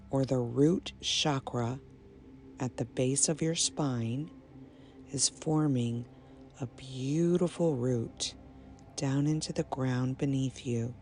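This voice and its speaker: Extremely slow and soothing, a creaky, low-key female voice leads a guided meditation, measuring out brief phrases separated by pauses. Behind her plays a soft bed of ambient binaural meditation music.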